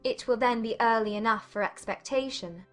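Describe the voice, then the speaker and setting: A woman voicing a sympathetic, thoughtful young sister in a dramatized audiobook, gentle and measured. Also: a little high, soft background music, pitched above the performer's own voice, natural voice. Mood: guarded, thoughtful.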